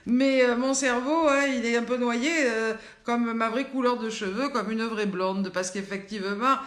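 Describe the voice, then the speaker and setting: A woman's voice: fairly high pitch, fairly even intonation, moderate pace, fairly bright tone, roomy sound. An older woman hosting a live video show, chatting loosely and poking fun at herself while leading face exercises. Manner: chatty, rambling and self-mocking. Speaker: host of a daily live show. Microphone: phone camera.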